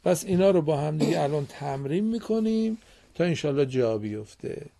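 A man's voice: on the high side, lively intonation, vocal fry, warm tone. A man teaching Quran reading on a radio program in a studio, patiently quizzing and encouraging his students. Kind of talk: radio classroom lesson.

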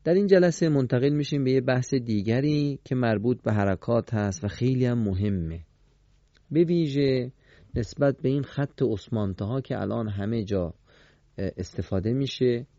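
A man leads a Quran recitation class in a radio studio, putting questions to his students and repeating their replies. He talks emphatically, with sharp pitch jumps on key words, in a dark, mellow voice. The sound is dry and a little dull, like a radio broadcast. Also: no room sound.

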